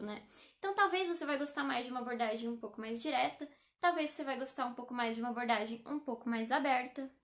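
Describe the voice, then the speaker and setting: Woman, young adult, Brazilian accent, high voice, chatty, explanatory, live-stream talk. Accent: Brazilian Portuguese. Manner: chatty and explanatory, with many fillers. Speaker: psychologist.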